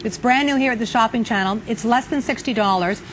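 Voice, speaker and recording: A woman's voice: fairly high pitch, fast talker. A middle-aged woman selling as an approving, enthusiastic home shopping host. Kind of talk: home shopping sales chat. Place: TV studio kitchen set. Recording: clear background noise, studio ambience.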